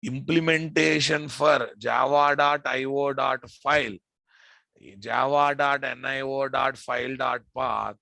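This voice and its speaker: A man's voice: medium pitch, vocal fry, sharp tone, no echo. A man with a Telugu Indian accent giving an informal technical lecture as an instructor, repeating phrases and often quizzing his listeners. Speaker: programming instructor teaching a live class.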